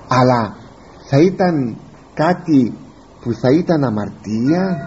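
A man gives a verse-by-verse sermon, his voice rising and falling in a lively sweep as he reads scripture and then explains it. He often takes on the psalmist's first-person voice. His mellow tone comes through a dull, lo-fi recording with faint noise behind it. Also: medium pitch. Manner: reads ancient verses aloud, then explains them plainly to listeners. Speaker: preacher.

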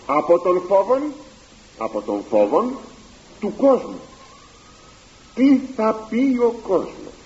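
High, animated male preacher. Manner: dramatic, with rhetorical questions; formal, old-fashioned church diction. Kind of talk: sermon. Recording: dull lo-fi recording.

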